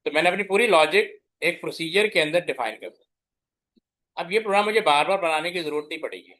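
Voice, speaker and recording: With a voice on the high side, lively intonation, and a sharp tone, the middle-aged computer science teacher speaks a little fast. He lectures his class stepwise, blending English terms into his Hindi and checking that the students are following.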